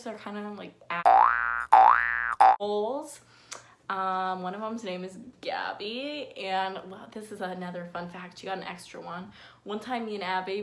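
In a bedroom with window blinds, a sixteen-year-old girl rambles to her close-up phone camera about facts concerning herself. Her mid-range voice has a fairly bright tone, and her casual chat is loaded with fillers and self-deprecating asides.

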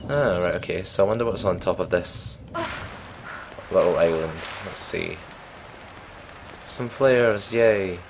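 A man's voice: sits low, slow, creaky, pauses often, noisy background. A young man casually commenting on his gameplay as a let's play host, rambling and joking at his own expense. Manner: chatty, rambling, self-mocking.

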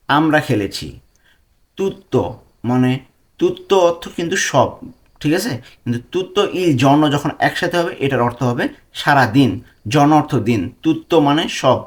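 A man from Bangladesh teaching a language lesson, explaining slowly and spelling out foreign phrases word by word. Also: fairly high pitch.

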